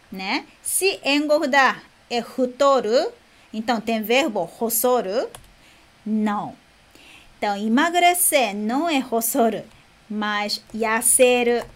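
A woman teaching kanji, repeating each word slowly and closing points with short checks to the listener. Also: fairly high pitch. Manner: repeats words slowly, tags with "né?" and "ok?". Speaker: Japanese teacher. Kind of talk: kanji lesson.

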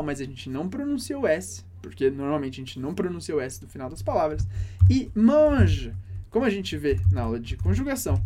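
A man teaching French in a recorded lesson, speaking slowly and carefully and repeating each French phrase to model its pronunciation. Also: high-pitched, warm tone.

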